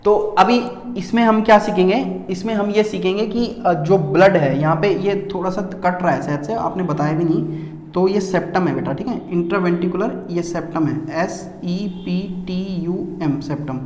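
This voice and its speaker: A man's voice: sits high, normal speed, a little mellow. A man teaching a lesson to students, asking rhetorical questions while he draws and repeating key words. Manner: calls students "beta" and often says "theek hai". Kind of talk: classroom-style lesson. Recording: echoey room with faint ambience.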